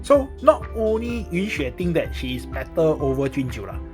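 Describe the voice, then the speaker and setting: Singaporean guy doing a casual recap in singlish, highish voice, super animated, lots of lah, bit of music under it. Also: moderate pace. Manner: Singlish phrasing with frequent lah and ah particles; animated, exclamatory. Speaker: drama recap narrator. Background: background music.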